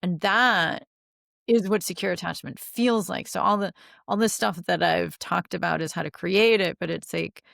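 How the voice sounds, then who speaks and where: A woman's voice: on the low side, normal speed, vocal fry, a bit bright, no echo, studio quality. A middle-aged woman coaching on relationships in a podcast interview, chatty, with many fillers and easy laughs.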